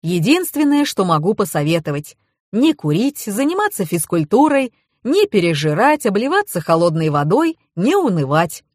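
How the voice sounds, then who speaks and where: A woman's voice: mid-range voice, normal speed, no room sound, clean studio sound. Woman reading as a lecturing male expert. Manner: lecturing, wordy, deadpan. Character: pedantic male expert, lecturing know-it-all.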